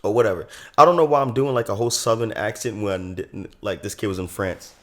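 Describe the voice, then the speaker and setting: A man's voice: fairly low pitch, animated, fairly quick, a bit bright. Chatty enthusiastic male reviewer. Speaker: show reviewer. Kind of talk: casual spoiler review.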